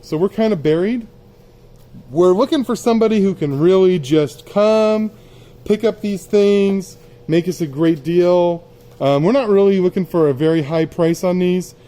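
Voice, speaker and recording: A man's voice: high voice, normal speed, mellow. A plain-spoken man giving a casual, off-the-cuff sales tour of stock while walking through a warehouse. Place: indoors in a cluttered warehouse, walking.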